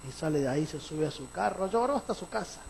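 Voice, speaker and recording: A man pastor preaching a sermon, telling a story with animated swings and emphatic rises. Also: fairly high pitch, fast, vocal fry, a little hiss or hum, rough recording.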